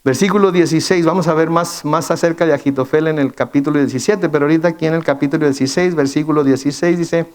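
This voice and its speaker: A man's voice: fairly high pitch, fast talker, hardly any pauses, darkish tone. A man in preaching a midweek sermon, talking to the congregation with many rhetorical questions, repeated words and restarts. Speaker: pastor.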